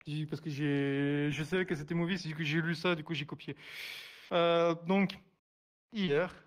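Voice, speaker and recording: A man's voice: fairly high pitch, steady tone. A man teaching a sign language class online, hesitant, full of fillers and restarts, repeating each word as he signs it. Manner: repeats each word slowly while signing. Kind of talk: live online class explanation.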